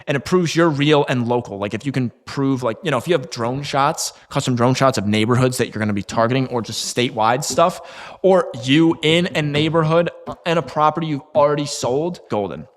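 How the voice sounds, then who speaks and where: A man's voice: mid-range voice, brisk, big-room sound. A man giving a casual instructional talk to camera as a marketing coach, conversational, with fillers and occasional restarts.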